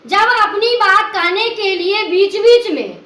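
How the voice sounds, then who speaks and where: A woman explains a grammar lesson slowly and carefully, working through examples one by one. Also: extremely high pitch, animated, bright, forceful tone, roomy sound. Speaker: teacher.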